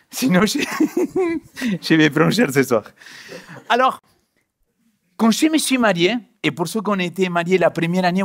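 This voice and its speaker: A man, a pastor, giving a sermon from a church stage, telling stories and acting out both sides of the scene. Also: on the high side.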